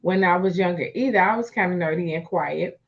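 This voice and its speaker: A woman's voice: on the low side, fairly quick, muffled recording. A woman hosting a motivational talk. She speaks emphatically, repeats her points and talks to her listeners as y'all. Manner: emphatic and repetitive, conversational, addresses listeners as y'all.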